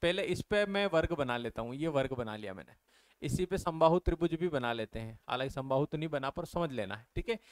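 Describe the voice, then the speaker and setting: A man's voice: mid-range voice, expressive, a little fast, dry recording. A man teaching an exam-prep maths lesson, explaining step by step and putting questions to his viewers. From India. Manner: explains step by step, keeps asking the viewers questions and answering them.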